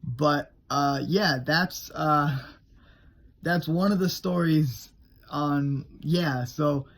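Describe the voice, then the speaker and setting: A man's voice: a little high, very slow, fairly bright tone. Rambling man explaining his characters. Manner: loose and rambling, trailing off and restarting. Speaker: character creator on his own channel. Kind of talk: casual explanatory vlog.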